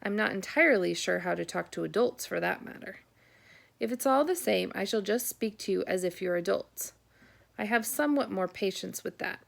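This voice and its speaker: A woman reading the lines of a warm, eccentric older British archaeologist uncle, with a British accent and a dry, courteous, brisk manner. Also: medium pitch, vocal fry. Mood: genial. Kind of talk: audiobook character voice.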